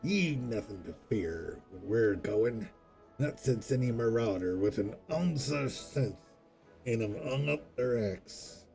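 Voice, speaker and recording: A man voicing a gruff old male pirate ferryman in a game, drawling in sailor talk. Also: mid-range voice, lively intonation, slow, music in the background.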